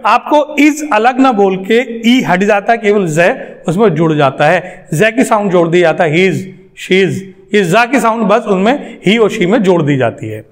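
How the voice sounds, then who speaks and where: A young Indian man gives an English lesson aimed at Hindi speakers. His voice sits high, and he walks through each example patiently, repeating the sentences and checking in with "right?" as he goes. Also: lively intonation, normal speed, hardly any pauses. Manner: explains step by step, repeats example sentences, often asks "right?". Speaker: English teacher.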